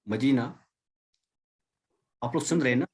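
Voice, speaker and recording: A man's voice: mid-range voice, a little slow, a little mellow, slight background noise. A man teaching an Arabic class over a video call, explaining patiently and repeating key words, with English mixed in. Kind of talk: online class lecture.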